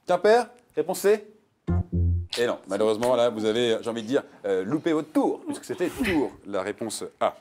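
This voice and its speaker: Soft music plays behind this TV quiz host, whose medium-pitched voice moves at a normal speed. He's playful and jokey, giving the multiple-choice answers lively emphasis as he banters with contestants.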